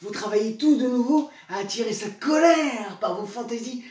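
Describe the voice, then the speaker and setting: A man's voice: very high voice, expressive, moderate pace, darkish tone. A man playing an exasperated, scolding comic manservant in classical theatre, with hammy, exclamatory stage delivery. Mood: astonished, scolding. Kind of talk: classical French comedy theatre. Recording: echoey room, far from mic.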